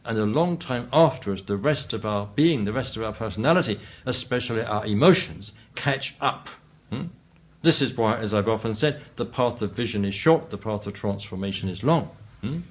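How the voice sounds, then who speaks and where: Donnish man giving a measured lecture. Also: on the low side, lively intonation. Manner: measured, donnish professorial phrasing with formal "one" and frequent qualifications; deliberate, often punctuated with questioning "hmm" and "eh". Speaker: Buddhist teacher giving a talk. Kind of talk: lecture, expository religious talk.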